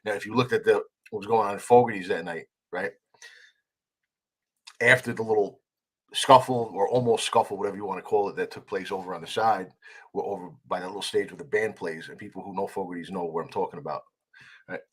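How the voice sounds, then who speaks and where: A man's voice: deep voice, slightly rough. A man as a podcast guest, telling a heated story in a casual conversation, with some swearing. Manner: fast, animated, swearing, retelling a confrontation.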